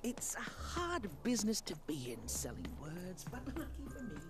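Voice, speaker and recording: An actress playing a sly, wheedling street seller in a video game. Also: female voice, on the low side, huge pitch swings, normal speed, music in the background. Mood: sly, confiding. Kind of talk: video game character acting.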